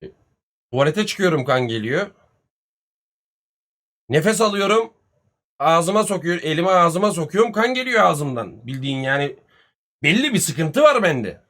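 A man, telling a story casually on a live stream, animated and full of swearing and reported speech. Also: a little high, normal speed, long pauses. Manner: profane, animated retelling with much reported speech.

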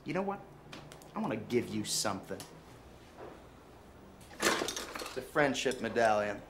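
An actor playing an earnest, lovesick rock singer who talks theatrically and bursts into song. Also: male voice, fairly low pitch, big pitch swings, measured pace, very noisy. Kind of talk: comedic film acting with rock singing.

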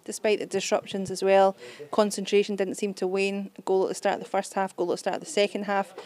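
A woman interviewer asking brisk, friendly post-match questions to a manager and player. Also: medium pitch, flat delivery, a little mellow.

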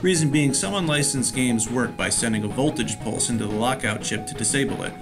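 A man giving calm step-by-step tutorial voice-over narration. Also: mid-range voice, fairly quick, over music.

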